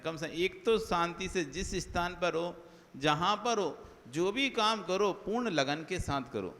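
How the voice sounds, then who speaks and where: Jain monk preacher, man, fairly high voice, chatty sermon, long hall reverb. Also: a bit bright. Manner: conversational, repetitive listing, rhetorical questions.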